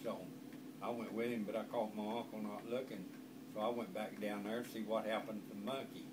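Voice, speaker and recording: A man's voice: lowish voice, flat delivery, a little fast. An older man with a rural Southern American accent and a folksy grandpa voice, spinning an informal, rambling country yarn. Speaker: grandfather telling family stories. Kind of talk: informal oral storytelling. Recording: distant microphone, loud background noise.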